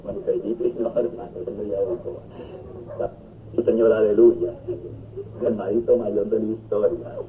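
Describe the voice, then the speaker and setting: A man preaching a sermon, telling the story with drama and jumping high on his exclamations. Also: fairly even intonation, unhurried, long pauses. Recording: tinny lo-fi 1970s recording with faint noise.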